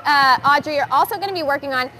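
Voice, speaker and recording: A young woman coaching kids in a gymnastics gym, explaining stations calmly to viewers and calling out loudly to the girls. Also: high-pitched, fast talker. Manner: upbeat, switches between calm explaining and loud calls to the kids. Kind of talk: live coaching demo addressing kids and viewers. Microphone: wearing the microphone.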